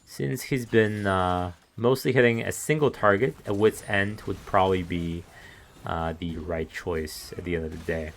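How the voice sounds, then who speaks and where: A man's voice: low voice, moderate pace, slight background noise. A man doing live solo esports commentary, analytical and musing, chuckling between thoughts, his voice wearing thin. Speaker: esports caster.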